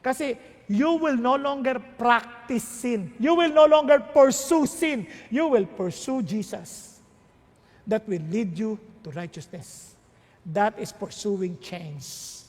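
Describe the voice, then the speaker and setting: A man's voice: extremely high pitch, slow pace, in a large hall. A middle-aged Filipino man preaching a sermon, mixing languages in a playful, emphatic way. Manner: switches between Tagalog and English, playful and emphatic. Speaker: pastor.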